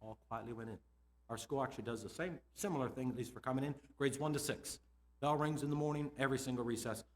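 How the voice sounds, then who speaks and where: A middle-aged man, a school administrator, giving a lively conference talk to teachers, asking them questions and laughing between points. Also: medium pitch, quick pace. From United States.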